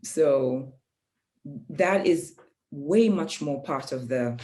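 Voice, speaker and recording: A Kenyan woman whose first language is Swahili speaks as a guest in casual conversation. She's an adult and parent of a young child, with a low, expressive, mellow voice, and she's reflective, pausing often with ums. The recording is rough.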